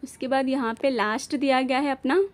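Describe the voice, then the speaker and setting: A woman's voice: high-pitched, fairly even intonation, brisk. A woman teaching a grammar lesson, spelling out words letter by letter and asking questions she then answers herself. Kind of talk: classroom-style grammar lesson.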